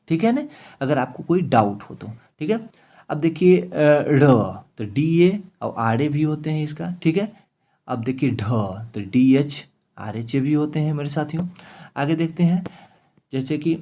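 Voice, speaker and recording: This teacher's voice is warm and fairly high as he walks students through English spelling one step at a time, sounding out names letter by letter. "ठीक है" and "मेरे साथियों" come up again and again as he keeps checking on the class.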